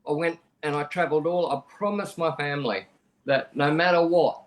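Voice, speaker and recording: A middle-aged man with an Australian accent, speaking a touch higher than most men. He tells his story in a candid, conversational way, starting sentences over and saying it straight. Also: steady tone, moderate pace. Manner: conversational, frank, plain-spoken with frequent restarts. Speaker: podcast guest.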